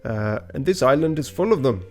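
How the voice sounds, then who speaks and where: A man's voice: mid-range voice, expressive, fairly quick, darkish tone, voice pushed up, lightly acted. A man voicing a chatty, very old male professor in a video game, reading his dialogue aloud. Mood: businesslike. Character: chatty old male professor, cheerfully eccentric cave survivor.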